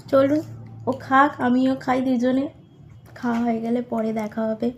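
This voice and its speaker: A young woman with a slightly hoarse voice from a cold, chatting casually to viewers in a home vlog while she does her chores. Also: fairly high pitch, steady tone, a little slow, dull audio, slight background noise. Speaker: vlogger.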